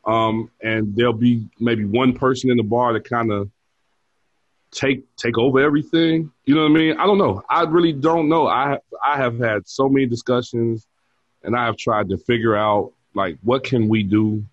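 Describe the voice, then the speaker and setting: A man in his forties, a bar manager, chats casually as an interview guest, telling stories and laughing often. His mid-range voice moves at a normal speed, with no echo but a muffled recording.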